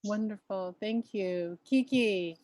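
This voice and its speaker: A woman's voice: medium pitch, slow pace, darkish tone. A woman hosting a live video call, introducing guests one by one in an upbeat way. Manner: upbeat, repeats "wonderful". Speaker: host.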